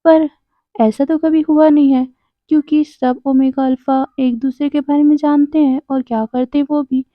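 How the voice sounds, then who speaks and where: A woman's voice: high voice, fairly even intonation, moderate pace, no room sound, narrow, tinny audio, natural voice. A woman voicing a sassy, teasing flower goddess.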